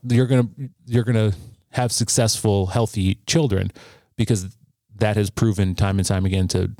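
A man in his thirties, a podcast guest, telling a personal story in an earnest, halting way with frequent restarts. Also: on the low side, warm tone, no room sound, studio quality.

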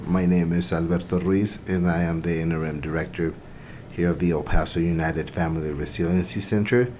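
A man's voice: deep voice, a little mellow, slight background noise. A man from Mexico hosting a podcast and speaking in an earnest, reflective way, with many fillers and restarts. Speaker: host, center director. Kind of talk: podcast hosting and personal sharing.

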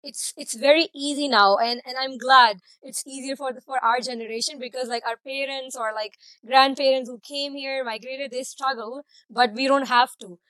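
Woman, 30s, from Karachi, chatty podcast guest, slightly high voice, dry sound. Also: steady tone, normal speed, hardly any pauses, sharp tone, no room sound, rough recording. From Karachi, Pakistan. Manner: chatty, many "like" and "um" fillers. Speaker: guest, food blogger. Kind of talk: casual interview answers.

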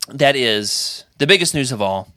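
A man's voice: mid-range voice, lively intonation, unhurried, bright, forceful tone, no room sound, studio quality. A man hosting a casual fan podcast, talking enthusiastically in a rambling, jokey way. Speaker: podcast host.

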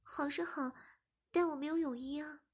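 A woman's voice: high-pitched, steady tone, normal speed, pitched above the performer's own voice, close to an everyday voice. A woman voicing a shy young wife who gets flustered and pleads easily.

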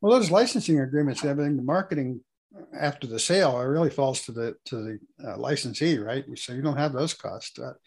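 A man interviews a business guest in a relaxed, conversational way, often steering toward his point. His voice is hoarse and husky, at an ordinary middle pitch. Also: fast. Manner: conversational, asks leading questions.

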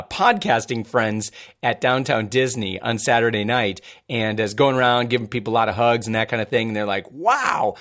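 A man's voice: mid-range voice, a bit bright. Upbeat rambling male podcast host. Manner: upbeat, rambling, many fillers. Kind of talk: casual podcast chat with promos.

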